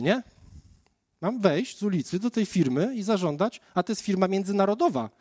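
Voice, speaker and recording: A man's voice: sits high, darkish tone, no room sound, clean studio sound. A man preaching a conversational sermon, telling his own testimony as a story and speaking straight to the listeners. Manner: storytelling, addressing the listeners directly.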